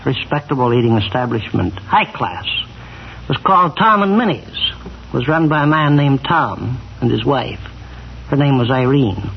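An actor playing an absent-minded, rambling country animal doctor in an old radio comedy. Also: male voice, mid-range voice, animated, moderate pace. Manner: rambling, distracted, throat-clearing, repeats himself. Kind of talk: 1940s radio comedy-drama acting. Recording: dull, noisy old radio recording.

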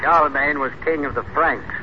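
A man's voice: fairly high pitch, fairly even intonation, a little fast, close to an everyday voice. An actor playing a dry, exasperated middle-aged American father, hesitant and repeating himself, in an old radio comedy. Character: exasperated middle-aged father, dryly deflating his son. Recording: muffled, very noisy old radio broadcast.

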